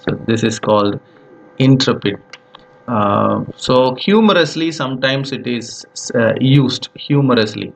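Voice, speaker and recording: Slow-spoken Tamil man teaching vocabulary. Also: mid-range voice, animated, creaky, slight background noise. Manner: slow, repeats words for pronunciation, mixes Tamil and English. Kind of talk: vocabulary lesson.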